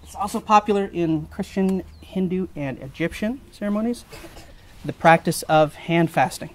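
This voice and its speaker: A man's voice: high voice, moderate pace, low-quality recording. A man officiating an informal wedding, explaining the ceremony in a wry way. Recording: live ceremony with faint ambient noise.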